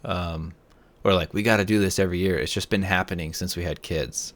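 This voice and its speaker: A man's voice: sits low, fairly even intonation, fairly quick. A man in his thirties, a podcast co-host, telling a long, rambling story in casual chat with lots of fillers.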